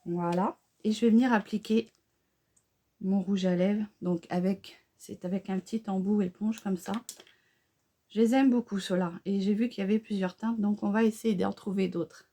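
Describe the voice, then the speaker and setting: A woman's voice: medium pitch, fairly even intonation, normal speed, dark tone. Chatty woman vlogging makeup. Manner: chatty, homely, many fillers and self-corrections. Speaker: beauty vlogger. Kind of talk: casual makeup tutorial chat.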